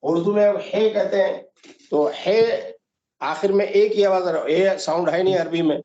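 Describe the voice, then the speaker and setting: Man, teacher, online class, high voice, patient quizzing, roomy, dull call audio. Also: a crowd in the background. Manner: patient, quizzes students with questions and repeats examples. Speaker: Quran recitation teacher. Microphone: video call.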